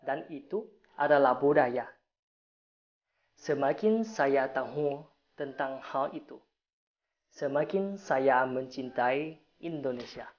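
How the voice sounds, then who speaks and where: A woman's voice: rumbling low, a little mellow. A woman gives a prepared testimonial as a careful learner of Indonesian. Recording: slightly dull audio.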